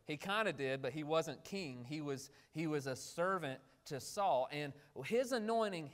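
Male preacher, midweek sermon, fairly high voice, conversational, quizzes the congregation. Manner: conversational, asks the congregation questions; acts out quoted characters in brief voices. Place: church.

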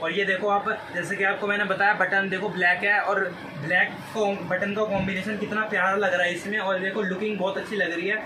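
A man, giving an eager, repetitive teleshopping-style sales pitch to camera. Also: level tone, a little fast, few pauses. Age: 20s. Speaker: clothing shop presenter. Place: small indoor clothing shop. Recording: clear background noise, shop ambience.

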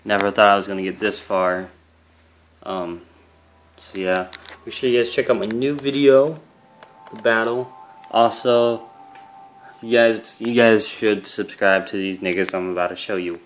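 This is a young man with a fairly low voice, talking straight to camera for his own gaming channel. He rambles in a loose, casual way, full of fillers and swearing, with an earnest, emotional tone as he thanks his viewers. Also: fairly even intonation, unhurried, long pauses, a little hiss or hum. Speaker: YouTube gaming channel host.

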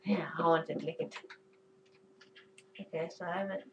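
A woman's voice: on the low side, steady tone, normal speed, darkish tone, recorded from a distance, lo-fi sound, slight background noise. A woman giving chatty, goofy commentary while playing a game, cursing and giggling at her own jokes. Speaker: gamer. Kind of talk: casual gameplay commentary.

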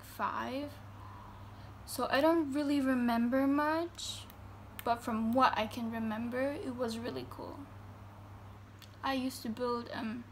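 A teenage German vlogger answers fan questions while chatting casually in her bedroom, reading each question slowly and filling her speech with fillers. Her pitch is fairly high, there's slight background noise, and she's recorded on a phone camera held at arm's length.

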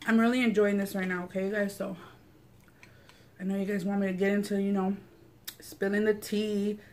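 A woman's voice: mid-range voice, level tone, moderate pace, darkish tone. A young adult woman hosting an eating video, chatting casually to camera in an informal, slangy way with some swearing. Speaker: mukbang host. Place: small furnished living room, indoors.

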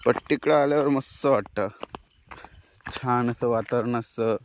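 Village vlogger, man from Konkan, casual and chatty while out in the hills, mid-pitched, soft outdoor noise behind. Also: measured pace. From Konkan, India. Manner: relaxed, chatty, addresses viewers directly. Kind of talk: casual walking tour narration. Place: outdoors in hilly forest pasture.

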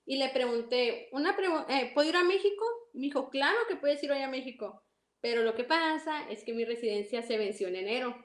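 High-voiced Mexican woman, echoey room. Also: brisk. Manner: animated, acts out dialogue, laughs often. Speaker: interview guest. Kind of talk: casual storytelling.

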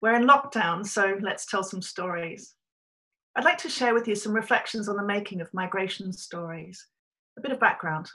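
Speaking to her webcam from a small room, a middle-aged writer from Australia tells a measured, reflective story she has prepared. She has a mid-range voice with a sharp tone, and the recording is low quality.

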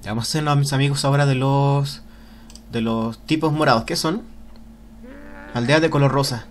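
A man commenting excitedly on a video game as he plays, often whooping and cheering, and reading the on-screen game text aloud. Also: mid-range voice, normal speed, a little hiss or hum. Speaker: let's play gamer.

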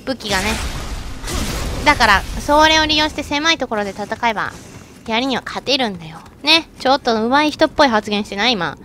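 A woman streaming a game with excitable let's-play commentary, shrieking and chatting with self-mocking asides. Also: fairly high pitch, a little fast, a little hiss or hum.

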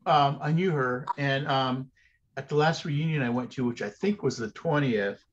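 A soft-spoken man in his sixties talks hesitantly over a video call. His audio sounds dull and lo-fi, with faint noise underneath. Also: medium pitch, moderate pace. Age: 60s. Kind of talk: casual video call chat.

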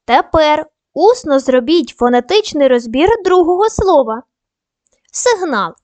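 A woman teaching a primary school video lesson, giving patient, clear instructions and spelling out sounds and syllables one by one. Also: high-pitched, expressive, a little slow, darkish tone, no echo.

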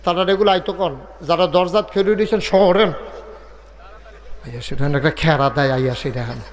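A man with a fairly high voice preaches in an over a loudspeaker at a large open-air gathering. He jokes with the crowd, scolds the sound man, and draws key lines out into a slow chant. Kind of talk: village sermon with crowd call-and-response. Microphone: handheld mic through PA.

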